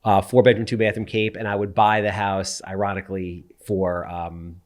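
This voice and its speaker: Animated man, podcast host. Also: fairly low pitch, moderate pace. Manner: animated, swears casually, quotes others in bursts. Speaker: podcast host and real estate investor. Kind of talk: casual podcast conversation.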